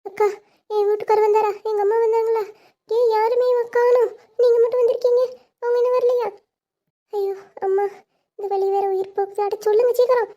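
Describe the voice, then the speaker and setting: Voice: extremely high pitch, little pitch movement, fairly quick, warm tone, lo-fi sound. A child acting as a frightened young woman in labor, pleading and complaining in a home skit.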